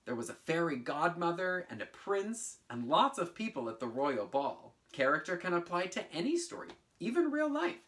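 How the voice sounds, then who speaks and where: This male children's teacher, a teaching artist and presenter, speaks a little high and performs with theatrical animation. Recorded indoors in a bedroom at home, his lesson blends storytelling and instruction, clearly enunciated and punctuated by sing-song chants.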